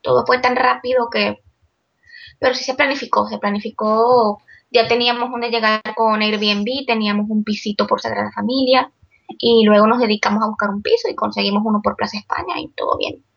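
A young woman from Venezuela, a guest illustrator in a casual interview, chatty and quick-talking. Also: fairly high pitch, fairly even intonation, vocal fry, a bit bright, slightly rough, dull audio.

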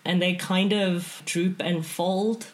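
A woman's voice: fairly low pitch, fairly even intonation, slow. A woman playing a tabletop game, casually describing her character and what it does.

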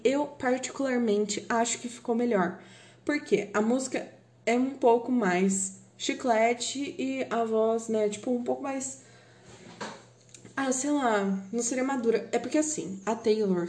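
Chatty Brazilian young woman, mellow voice. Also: fairly high pitch. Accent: Brazilian Portuguese. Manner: chatty, excitable, swears and laughs often. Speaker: podcast host. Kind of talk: casual chat about music.

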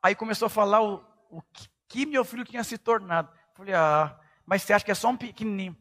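A middle-aged man preaching a sermon as a pastor, emphatic and rising to shouts at his peaks. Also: high voice, fast talker.

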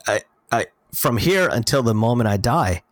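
A man's voice: medium pitch, moderate pace, no echo. A man co-hosting a podcast, talking earnestly in casual chat and acting out little bits of dialogue as he tells stories. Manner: earnest, animated storytelling with quoted dialogue. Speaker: podcast co-host.

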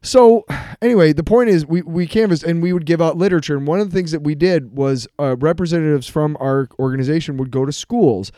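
A man co-hosting a podcast, talking in heated, profane, rambling bursts that get loud. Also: a little high, a little fast, dry recording, clean studio sound. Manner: gets loud. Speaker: podcast co-host. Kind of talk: heated casual chat.

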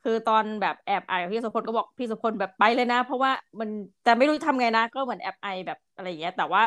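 A young woman co-hosting a casual podcast, lively, chatty and politely friendly. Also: fairly high pitch, fast talker. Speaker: podcast co-host.

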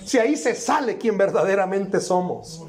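A man preaching a sermon as a guest preacher at a church service, impassioned and repetitive, rising to shouts. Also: high-pitched, expressive, moderate pace, reverberant.

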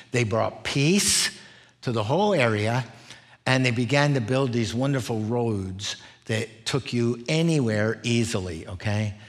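A middle-aged male preacher and former missionary gives an expository sermon, teaching in numbered points. His mid-pitched delivery is explanatory, and he often checks in with "right?" and "okay?".

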